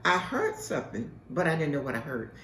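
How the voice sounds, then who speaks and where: Animated woman giving testimony, echoey and distant. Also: low voice, brisk. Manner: emphatic and repetitive, preacher-like storytelling. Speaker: host and mentor. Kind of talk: spoken testimony.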